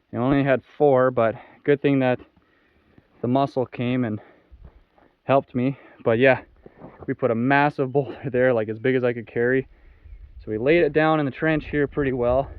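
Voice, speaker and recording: A man's voice: mid-range voice, steady tone, normal speed, clean tone, no room sound, phone-quality sound. A young man hosting a casual vlog, talking his way through building work on his home in a chatty, explaining way.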